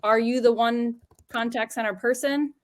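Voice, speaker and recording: A woman's voice: a little high, fairly even intonation, normal speed. A woman hosting a business webinar over a video call, upbeat and chatty. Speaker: webinar host. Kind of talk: casual webinar chat.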